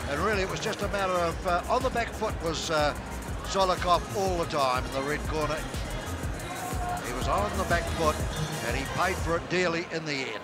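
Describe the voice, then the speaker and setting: A man with a New Zealand accent giving conversational boxing co-commentary. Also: on the high side. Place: large indoor arena. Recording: loud crowd and music behind.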